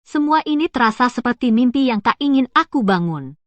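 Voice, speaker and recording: Woman playing a gentle young heroine. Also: on the high side, animated, a little fast, dry recording, lightly acted. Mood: tender. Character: gentle young woman recovering in hospital, playful. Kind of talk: dubbed TV drama.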